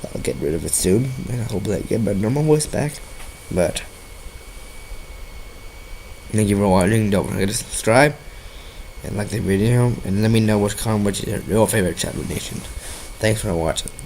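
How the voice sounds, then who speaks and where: A man with a low voice, made nasal and stuffy by a bad cold. He talks in a rambling, halting way, often restarting sentences mid-thought. Faint noise sits behind him. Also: vocal fry, a little mellow, rough recording. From Washington State, US. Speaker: video creator. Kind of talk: casual gameplay commentary.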